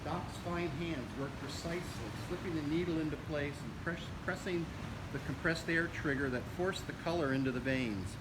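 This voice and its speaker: A man with a voice on the high side reads from a novel at normal speed, like an audiobook narrator, though he's a volunteer and sometimes stumbles on a word. The recording carries noisy outdoor ambience with vehicles.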